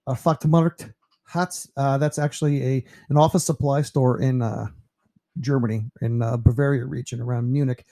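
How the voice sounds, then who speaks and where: A man of about fifty from New York, a teacher narrating a slideshow about himself in a relaxed, rambling way with lots of fillers. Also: mid-range voice. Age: 50s.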